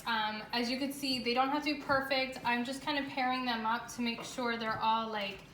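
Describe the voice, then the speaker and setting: Her high, slightly bright voice guides viewers through each stage of a home baking tutorial, chatty and informal. The casual cooking demonstration takes place indoors in a home kitchen that echoes, and the recording carries faint background noise.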